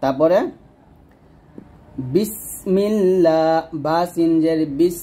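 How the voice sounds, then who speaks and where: A man teaches Quran recitation, his voice sitting a little high for a man. He explains each sound patiently and stretches the recited words out slowly so every letter can be heard. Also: a little mellow. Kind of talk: instructional lesson with recitation.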